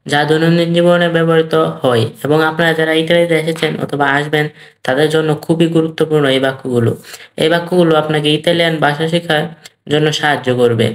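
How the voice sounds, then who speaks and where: In a language lesson, a patient teacher with an ordinary middle-pitched voice drills vocabulary slowly and repetitively, saying each word twice and stretching out the practice phrases. The room gives the recording a clear, roomy echo.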